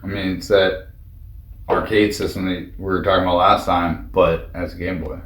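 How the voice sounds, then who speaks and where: A soft-spoken man with a very low voice, co-hosting a casual podcast. He keeps his replies short and laughs often. His voice carries a roomy echo. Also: little pitch movement, moderate pace. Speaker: podcast co-host. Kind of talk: casual chat.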